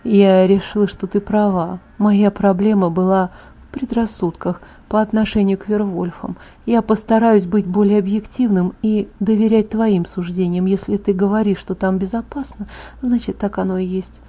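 Edward, a hushed gentle vampire, as a woman reads him. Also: steady tone, moderate pace, natural voice. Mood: calm. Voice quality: soft, hushed. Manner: low murmur, gentle and restrained. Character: calm protective young male vampire. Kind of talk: audiobook character voice. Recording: dull lo-fi audiobook MP3.

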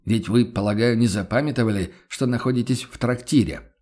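A formal nobleman, read by a male audiobook narrator, reproaching with hesitant strictness. His speech is courteous and measured. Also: medium pitch, darkish tone, lightly acted. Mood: reproachful. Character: hesitant, stern young nobleman.

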